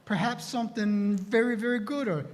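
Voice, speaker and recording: A man's voice: high-pitched, normal speed, close to an everyday voice. A man playing an earnest villager who reads the new star as an omen, in a church skit, with a musing, thoughtful manner. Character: sleepless superstitious villager, sees omens. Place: church sanctuary. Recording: long church-hall reverb.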